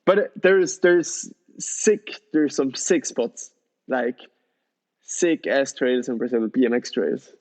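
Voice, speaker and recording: A man's voice: medium pitch, animated, takes it slowly, darkish tone. A young man in his twenties, a BMX rider guest, chatting loosely about himself with slightly phrasing. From Switzerland. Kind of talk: casual interview.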